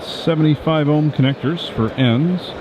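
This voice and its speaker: A man's voice: a little high, measured pace. Offhand male vlogger in heavy background noise. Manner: offhand, clipped remarks in short fragments. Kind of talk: casual walk-around commentary. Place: large ham radio fair. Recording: very noisy busy event floor.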